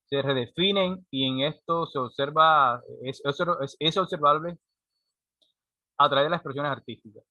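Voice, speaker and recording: A man's voice: on the high side, normal speed, pushed and bright, no room sound, lo-fi sound. A man, giving a classroom lecture and often checking in with a rhetorical "right?". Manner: explanatory, frequent rhetorical "¿cierto?" checks. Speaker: teacher.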